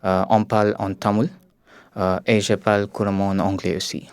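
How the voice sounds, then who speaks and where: Man, Indian accent, native Tamil speaker, careful learner's speech, radio studio guest, dry close sound, low voice. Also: flat delivery, moderate pace, darkish tone, smooth, no room sound. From India, Tamil Nadu. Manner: hesitant, careful learner's French with many fillers. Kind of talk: radio interview.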